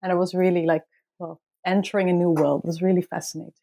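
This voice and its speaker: A woman's voice: fairly low pitch, flat delivery, fast, creaky, mellow. A woman from the Netherlands in her late thirties, a native Dutch speaker, speaking English as an anthropologist guest. She answers thoughtfully and hesitantly, with many fillers. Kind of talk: interview.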